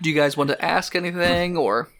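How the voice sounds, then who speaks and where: Man, game master, gravelly voice, slightly high pitch, laid-back narration. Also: normal speed, fairly bright tone, slight background noise.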